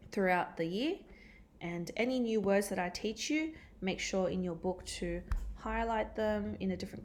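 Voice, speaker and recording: A woman's voice: fairly low pitch, slight background noise. A woman teacher giving a recorded catch-up lesson, explaining step by step with frequent ums and uhs. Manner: explains step by step with many fillers.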